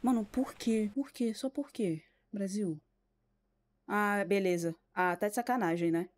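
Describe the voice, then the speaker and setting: A woman's voice: medium pitch, a little slow. A young woman with a Brazilian Portuguese accent giving casual, profane horror-game commentary that breaks into yelps at the scares. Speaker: gameplay video creator. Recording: noisy recording with clicks.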